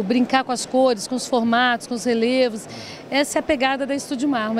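A woman's voice: fairly high pitch, a little hiss or hum. A Brazilian woman in her forties explaining her design work in an interview, as a company director. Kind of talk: promotional trade fair interview. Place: open stand in a large indoor exhibition hall. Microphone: handheld reporter microphone held by interviewer. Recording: busy trade fair crowd behind. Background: crowd chatter of a trade fair.

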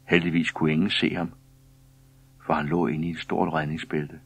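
A man narrates a children's story in a calm, even way. His voice sits very low and a little husky. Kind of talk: scripted children's story reading.

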